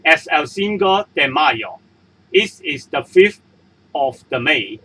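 A man with a Hong Kong accent, a native Cantonese speaker, teaching a beginner Spanish lesson in English over slides, slowly repeating each example and its translation. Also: a little high, very animated, sharp tone, breathy edge, poor audio. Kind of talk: slow explanatory lesson narration. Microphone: voice-over for screen-recorded slides.

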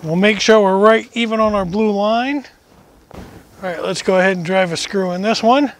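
A man's voice: high-pitched, moderate pace, slight background noise. A middle-aged man chatting casually outdoors, explaining each step of a barn job as he works, with a joke now and then. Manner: chatty, explains each step while working, self-deprecating jokes. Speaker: homesteading vlogger. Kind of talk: casual how-to narration. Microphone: camera mic from a distance.

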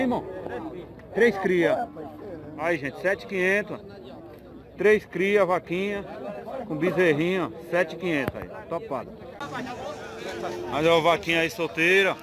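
A fairly high-voiced man talks in a casual, chatty way as he films. He keeps asking sellers for prices and says them back to his viewers. A busy crowd can be clearly heard around him outdoors. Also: expressive, moderate pace, pauses often. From Northeast Brazil. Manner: chatty, asks sellers prices, repeats answers to camera. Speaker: vlogger at a cattle fair. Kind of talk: casual on-the-spot video commentary. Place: outdoor cattle market with crowd.

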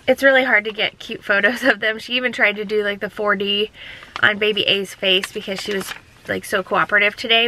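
A woman's voice: medium pitch, pushed and bright, rough recording. Congested, breathless woman vlogging from a car. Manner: rambling, chatty, many "like" fillers. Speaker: vlogger, show host. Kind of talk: casual vlog talking to camera. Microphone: handheld camera.

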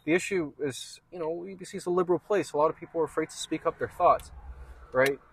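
A man's voice: fairly high pitch, quick pace, gravelly, slight background noise. Young man chatting casually, rambling. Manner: relaxed, rambling, says "like" and "man" a lot. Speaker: co-host. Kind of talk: casual chat.

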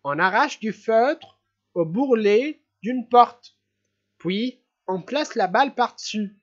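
A reader putting on a giddy young prince, his voice lifted well above the reader's own and bubbling over with laughter. He rambles eagerly, tripping over words in his excitement, on a dull lo-fi audiobook recording. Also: medium pitch, slow pace, voice pushed up. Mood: giddy, excited.

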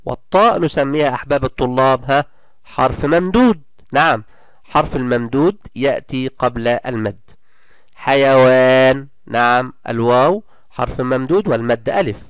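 A man teaching a primary school class in a recorded lesson, encouraging and praising his pupils often and drawing out example words slowly. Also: mid-range voice, expressive, no echo, studio quality.

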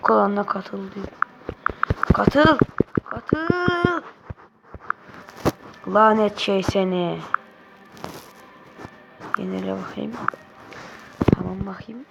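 A woman hosting a gaming channel, giving excitable let's-play commentary and shouting bursts at the game. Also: medium pitch, slow pace, vocal fry, pauses often, lo-fi sound. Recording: noisy recording with clicking sounds.

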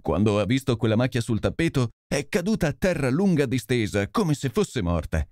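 A man's voice: medium pitch, sing-song, normal speed, a little mellow, dry recording, studio quality, lightly acted. A man voicing a big, contrite police constable who pleads and apologizes for letting a stranger in. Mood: apologetic, pleading.

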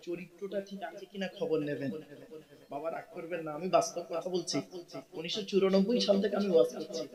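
A man preaching a sermon to a gathering, joking and coaxing his listeners. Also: high-pitched. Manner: jokey, coaxing, calls listeners "baba". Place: outdoor gathering tent. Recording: crowd noise at a religious gathering. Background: large crowd.

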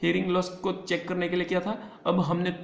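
Hindi nursing lecturer in an echoey room. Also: male voice, sits high, monotone, gravelly. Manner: explains in Hindi mixed with English, halting English lines, keeps asking "okay?". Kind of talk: classroom lecture. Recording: echoey room, faint noise.

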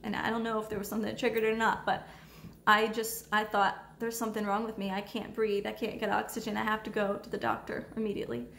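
A young woman recounts her faith testimony in a soft, hesitant voice full of small pauses and fillers. Her pitch sits in an ordinary middle range. The room around her rings with echo, and a faint ambient hum runs underneath. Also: completely flat delivery, gravelly. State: tearful at times. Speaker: vlogger sharing testimony.

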